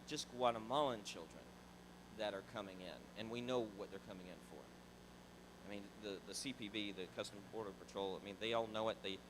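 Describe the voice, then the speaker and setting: A chatty middle-aged pastor from Tallahassee, Florida, with a lower voice, tells a casual story to his church through a handheld mic. He's animated and conversational, repeating words and restarting sentences in a large sanctuary with background noise.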